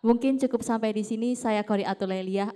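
A woman's voice: fairly high pitch, fairly even intonation, fairly quick, warm tone. Female moderator, polite and orderly, summarizing the session and closing it out. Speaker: event moderator. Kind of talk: closing remarks. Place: lecture hall.

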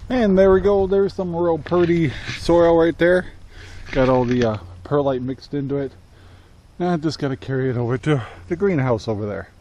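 With a faint hiss or hum in the background, a US homesteading vlogger in his sixties speaks at a moderate pace in a warm, rather high voice. He's easygoing and rambles with many "uh" fillers, filming his casual how-to at arm's length in his yard and greenhouse.

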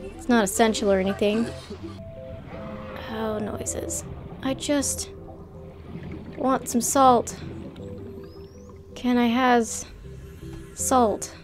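A woman streamer chatting her way through a game, unhurried and playful. Her voice sits a bit high and she drags her words out slowly. Soft background music plays beneath her. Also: little pitch movement. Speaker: gameplay streamer. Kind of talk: casual let's-play commentary.

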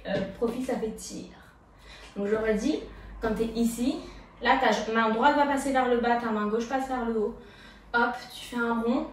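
A young woman with a slightly high voice gives dance tutorial instructions for a street jazz routine, calling out counts and vocalizing effects for the steps. The recording is distant and echoey, with a bit of background noise.

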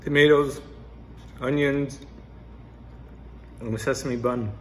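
A man's voice: mid-range voice, steady tone, takes it slowly, fairly bright tone, slight background noise. Man talking while chewing. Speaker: food reviewer. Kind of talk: casual food review vlog.

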